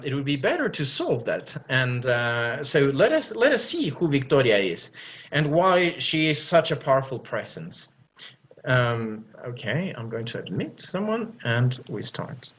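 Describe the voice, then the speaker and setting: Male lecturer on a video call, slightly high voice with animated pitch, talks slowly and explains as he goes. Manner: explanatory, thinks aloud as he goes. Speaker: presenter. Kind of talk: academic online presentation.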